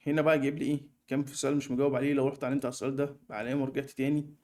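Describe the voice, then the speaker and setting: A young man with an Egyptian Arabic accent walking through a screen-recorded software tutorial in a fast, chatty way, with many fillers. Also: mid-range voice, level tone. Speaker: online course tutor.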